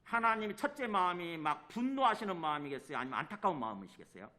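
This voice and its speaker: A man's voice: sits high, very animated, quick pace, bright, forceful tone. A male pastor preaching a sermon, putting questions to the congregation and acting out the quoted lines. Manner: asks the congregation questions and answers them himself.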